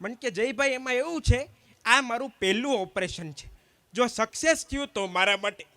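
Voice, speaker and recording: A man with a very high, bright, sharp voice tells stand-up jokes. He rattles through each anecdote and acts out both sides of every exchange. The sound is dry and close. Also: normal speed, no echo. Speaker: stand-up comedian at a community gathering. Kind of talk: live stand-up joke telling.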